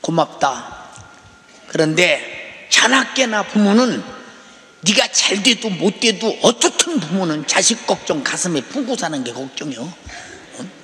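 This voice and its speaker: A man's voice: high-pitched, sing-song, a little slow, bright, forceful tone. An older man preaching a sermon as pastor. He presses his points and keeps prodding the congregation with rhetorical questions. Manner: emphatic, rhetorical "eh?" prompts to the congregation. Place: large church sanctuary. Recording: echoey hall reverb.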